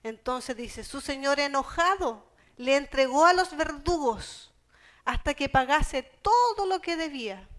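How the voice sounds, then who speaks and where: Una mujer con acento chileno predicando un sermón, que lee pasajes bíblicos y los explica en palabras sencillas y cercanas. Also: female voice, high-pitched, expressive, unhurried, fairly bright tone. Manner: conversational, explains scripture in plain everyday terms; reads Bible passages aloud. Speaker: preacher. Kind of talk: sermon.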